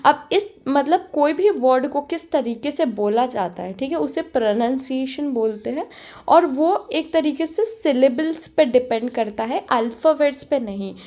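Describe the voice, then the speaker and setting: A young woman tutor explaining a lesson in Hindi, mixing in English terms and often checking in with a quick "okay". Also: sits high, expressive, a little mellow. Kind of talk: explanatory exam-prep lesson.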